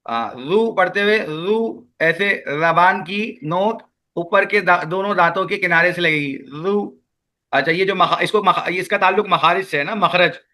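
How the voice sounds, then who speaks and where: A man with a Pakistani Urdu accent leads an online recitation class. He drags out each sound patiently so his students can copy it. His voice sits high and sounds bright. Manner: patient, repeats sounds slowly for students to echo. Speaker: Quran recitation teacher.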